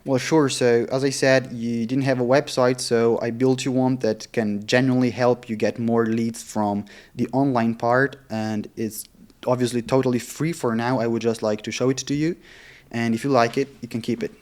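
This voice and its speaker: A man with a mid-range, darkish voice talks at a normal speed in a steady tone. English isn't his first language; his stronger tongue is Italian or German. He's a vlogger practicing sales cold calls, chatting casually and candidly.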